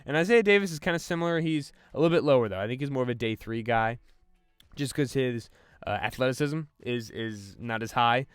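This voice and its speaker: A man's voice: medium pitch, fairly quick, clear, resonant tone, no echo, studio quality, soft background music. A man hosting a sports podcast, breaking down draft prospects in a loose, casual way with lots of fillers and restarts. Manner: loose, filler-heavy delivery with frequent restarts.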